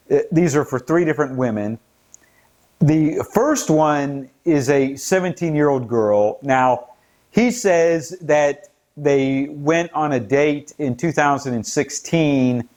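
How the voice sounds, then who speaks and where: An American man with a slightly high voice hosts his own political commentary channel. In scripted-sounding solo commentary, he lays out a case earnestly, growing indignant and pushing his emphasis up at key points.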